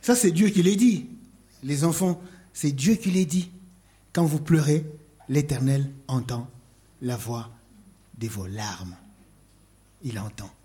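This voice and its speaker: A man preaching a sermon, slow and emphatic, reading scripture aloud and asking rhetorical questions. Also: mid-range voice, mellow.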